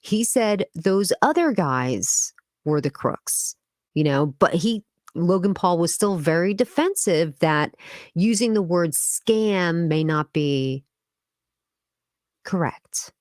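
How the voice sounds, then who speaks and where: A woman's voice: lowish voice, animated, slow, no echo, studio quality. A woman hosting a crypto live stream, talking casually and with indignant sarcasm, full of fillers like "like" and "you know". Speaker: crypto channel host.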